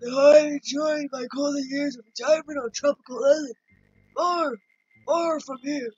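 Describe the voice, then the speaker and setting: A woman's voice: high voice, fairly even intonation, normal speed, darkish tone, dry recording, soft background music, natural voice. A woman voicing a chatty retired tortoise mayor in a very old man manner, reading video game dialogue aloud. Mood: smug, friendly. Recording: dull lo-fi audio.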